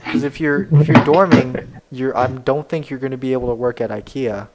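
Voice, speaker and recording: A young man co-hosting a casual podcast chat, telling an animated story in which he plays out both sides of a conversation, laughing often and restarting his words. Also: mid-range voice, brisk, a crowd in the background. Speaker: podcast co-host.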